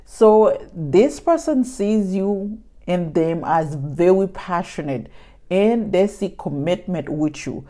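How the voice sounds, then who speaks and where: Lady doing a chatty tarot reading, low voice, kinda mellow, keeps repeating herself and talking right to viewers. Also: lively intonation, takes it slowly. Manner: chatty and repetitive, addressing viewers directly. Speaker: tarot reader. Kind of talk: casual tarot reading to camera.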